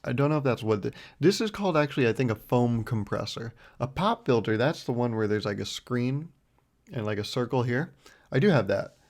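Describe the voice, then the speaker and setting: A young man in his twenties hosts his own podcast, chatting in a loose, rambling, self-deprecating way. His voice has a gravelly, fry-heavy edge at a middle pitch. He talks close into a mic with a foam windscreen. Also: lively intonation, fairly quick, a little mellow. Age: 20s. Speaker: podcast host. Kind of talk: casual solo podcast chat.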